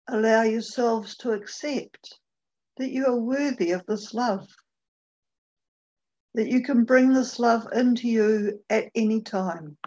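Woman, meditation guide, fairly high voice, unhurried gentle delivery, muffled lo-fi sound. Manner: gentle, unhurried guiding with long pauses.

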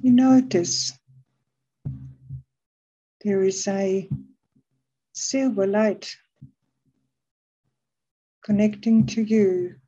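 A woman leads a guided meditation very unhurriedly, with soothing short phrases and long gaps. Her voice is soft, breathy and mellow, and the recording sounds slightly muffled. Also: medium pitch, extremely slow, long pauses.

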